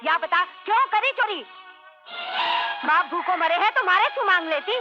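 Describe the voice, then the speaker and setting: A woman's voice: very high voice, expressive, moderate pace. Role: scolding mother-in-law. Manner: sharp, scolding, contemptuous. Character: harsh scolding mother-in-law, older woman. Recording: dull film soundtrack with loud music.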